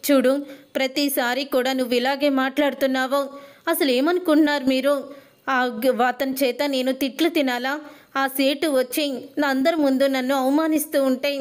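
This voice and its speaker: A woman's voice: high-pitched, steady tone, moderate pace, natural voice. Woman reading the lines of a stern scolding husband. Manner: insistent, scolding. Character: stern young husband demanding money.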